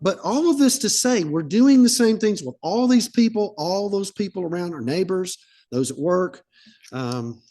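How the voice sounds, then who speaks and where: Man, pastor, sermon, slightly high voice, chatty storytelling delivery. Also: dark tone. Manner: conversational, anecdotal preaching that acts out dialogue.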